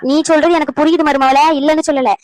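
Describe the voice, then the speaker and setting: A woman voicing a sharp-tongued elderly grandmother in a cartoon, nagging and lecturing. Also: high-pitched, steady tone, fast, no echo, close to an everyday voice, rough recording. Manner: nagging, lecturing, old sayings. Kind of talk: cartoon voice acting.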